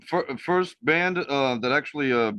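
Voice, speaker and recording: A man's voice: mid-range voice, a little slow, sharp tone, smooth, no room sound. A young man from Hungary, a native Hungarian speaker, talking as a band guest in an interview, hesitant with many fillers. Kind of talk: casual interview. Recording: dull, lo-fi sound.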